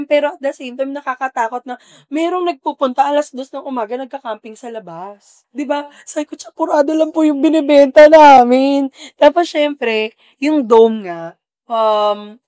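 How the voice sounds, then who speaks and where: A woman's voice: a little high, dry recording, studio quality. A woman guest on a podcast, telling her business story with feeling and acting out her own past remarks. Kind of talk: casual podcast conversation.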